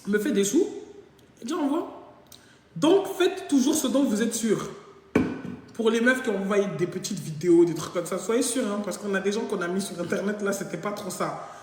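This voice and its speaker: A woman's voice: medium pitch, moderate pace, a little hiss or hum. Woman telling stories in an echoey room. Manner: animated, jokey, acts out both sides of dialogue. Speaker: live-stream host. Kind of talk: casual storytelling monologue. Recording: very echoey room with long reverb.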